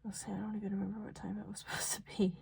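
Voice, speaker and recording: A young American woman from rural South Dakota, a planner vlogger, chats casually and ramblingly while working on her planner, informal and self-deprecating, sometimes murmuring to herself. Her medium-pitched voice is gravelly and a little mellow, with little pitch movement and a racing pace, and there's a slight hiss or hum in the audio.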